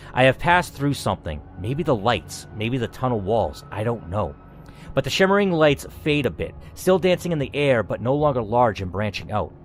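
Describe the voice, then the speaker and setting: Acting as a gaming host, a man narrates a scripted story aloud with theatrical flair and expressive asides. His voice is mid-range, and the recording carries a bit of hiss or hum.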